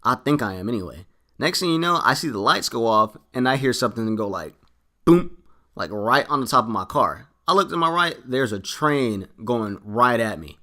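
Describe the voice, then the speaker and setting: A man's voice: mid-range voice, normal speed. A young man in his late teens or early twenties, a vlogger telling a story casually and acting out what people said. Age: young adult. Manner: animated, quoting himself and others in dialogue.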